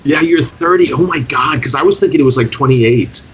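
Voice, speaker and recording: A man with a Michigan accent chatting casually, then leading a hypnosis induction in a slower, deeper, soothing voice. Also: lo-fi sound, a little hiss or hum. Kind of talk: hypnosis session over a call.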